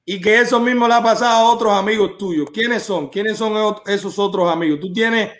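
A man's voice: sits high, brisk, a bit bright. A man hosting a live stream, arguing insistently and lecturing a caller point by point.

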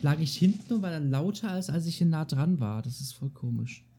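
A man's voice: a little high, lively intonation, fairly quick, warm tone, a little hiss or hum. A man who makes videos, chatting casually over a call at a desk mic, giving dry, offhand replies and fussing over his sound. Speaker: YouTuber. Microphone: desk mic at a computer.

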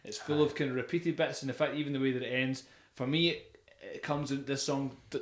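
On his casual music podcast, a young man talks at a slightly quick pace in a medium-pitched, steady voice. He rambles with enthusiasm and many fillers, and the room is echoey.

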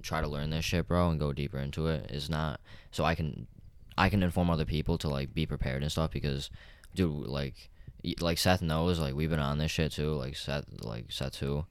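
A man's voice: extremely low pitch, steady tone, moderate pace, clean tone, dry recording. A young man in casual podcast chat, rambling and heated, with a lot of filler slang. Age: young adult. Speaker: podcast regular.

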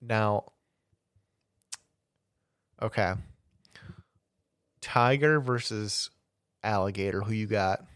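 A man's voice: on the low side, extremely slow, long pauses, a bit bright, smooth, no room sound, clean studio sound. A young man chatting casually as a podcast co-host, rambling through a story with restarts and bursts of laughter. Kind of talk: casual chat.

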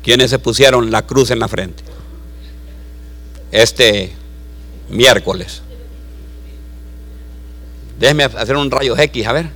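A man preaching a sermon to a church, swinging from low asides to loud preaching. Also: slow, pauses often. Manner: acts out voices in his story.

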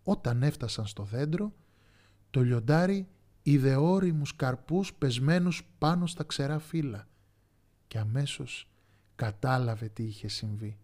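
A man narrating a children's folk tale in an expressive, sing-song way. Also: mid-range voice. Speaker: storyteller.

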